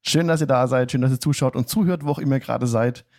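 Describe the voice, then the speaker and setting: A man hosting a tabletop game stream as game master, narrating the recap in a deliberate storytelling manner with drawn-out phrases. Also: medium pitch, a little mellow.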